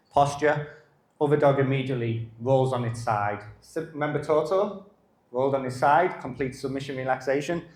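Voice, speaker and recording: A middle-aged man, a dog behaviour specialist, giving a live masterclass in a calm manner and short broken phrases. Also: medium pitch. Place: live lecture venue. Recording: roomy echo.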